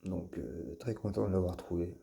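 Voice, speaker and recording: Low gravelly-voiced man showing toy cars. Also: warm tone. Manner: halting, with frequent fillers and restarts. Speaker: toy car collector and channel host. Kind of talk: casual show-and-tell vlog.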